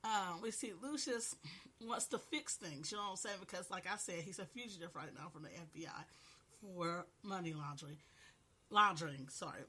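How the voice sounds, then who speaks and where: A woman's voice: medium pitch, lively intonation, fairly quick, fairly bright tone, breathy edge. A woman with a cold recapping a TV episode in a casual, chatty way, often saying "you know what I'm saying.". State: has a cold, coughing. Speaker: podcast host reviewing a TV episode.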